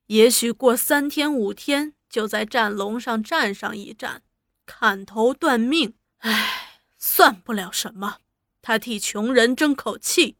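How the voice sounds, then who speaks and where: A woman voicing a poor old mother in her sixties, speaking slowly and softly with weary resolve in an audiobook. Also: on the high side, dry recording, studio quality. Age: 60s. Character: poor old widowed mother, steadfast and proud. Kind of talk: audiobook character voice.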